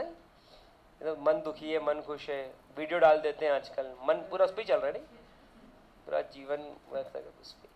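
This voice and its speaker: Man, physics teacher, high-pitched voice, chatty rambling lecture, rhetorical questions. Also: rough recording. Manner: chatty, drifts into side rants with rhetorical questions. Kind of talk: casual classroom lecture.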